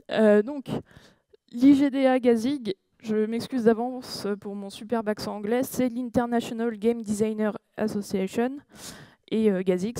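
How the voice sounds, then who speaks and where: A woman's voice: medium pitch, dark tone, no echo. A woman giving a talk at a conference, hesitant, with many fillers and self-corrections, checking in with her audience. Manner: engages the audience with questions. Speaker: conference speaker. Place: conference room.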